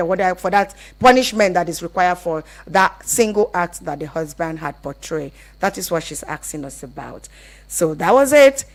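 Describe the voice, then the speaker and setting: This Nigerian-accented woman presents a live call-in advice program on radio, speaking in a fairly low pitch. She talks conversationally and keeps rephrasing her explanations.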